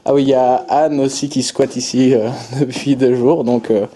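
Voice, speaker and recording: A man's voice: medium pitch, steady tone, moderate pace, dark tone. A young man from France narrating a casual vlog tour of a house and garden, hesitant, with many fillers and restarts. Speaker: travel vlogger.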